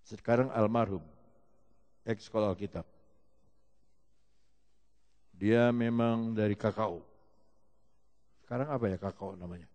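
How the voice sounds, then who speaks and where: A man preaching a sermon, telling stories with lively shifts and calling out to the congregation. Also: lowish voice, measured pace, long pauses, muffled recording. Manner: animated storytelling preacher, calls out to the congregation. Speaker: pastor. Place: church hall. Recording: long reverb of a large hall.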